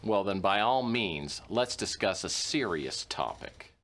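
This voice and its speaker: A man's voice: low voice, animated, measured pace, fairly bright tone, big-room sound, full character voice. An actor playing a wisecracking hard-boiled male detective, narrating in a dry, sardonic noir style. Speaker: game narrator and lead character. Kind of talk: 1990s game voice acting.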